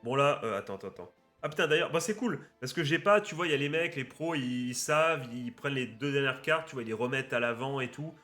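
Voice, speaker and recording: Excitable, foul-mouthed young-sounding man. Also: mid-range voice, fast, faint music behind. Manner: excitable, swears often, chatty with viewers. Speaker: card-opening YouTuber. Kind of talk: casual unboxing commentary. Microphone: webcam setup at a desk.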